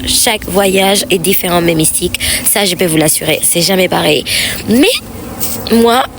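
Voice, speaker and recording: A woman's voice: fairly low pitch, normal speed, background noise. A woman chatting casually to camera as a vlogger, hesitant and often repeating her words and phrases.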